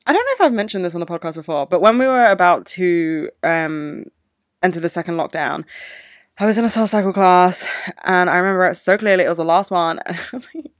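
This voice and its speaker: Talking fast and with lively intonation, this young podcast host delivers an unscripted solo monologue full of emotion, ranting, and heavy swearing. Her pitch sits fairly low, and the podcast mic gives a clean studio sound with no room echo.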